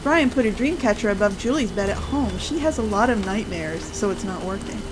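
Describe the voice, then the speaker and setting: A woman's voice: medium pitch, animated, fairly quick. A woman co-hosting a game playthrough, reading text casually with playful, dry asides. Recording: clear noise and game sound behind.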